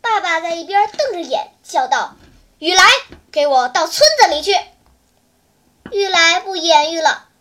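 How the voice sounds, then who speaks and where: A storyteller reading a children's story aloud, with expressive, animated delivery. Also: very high voice. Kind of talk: scripted children's story narration.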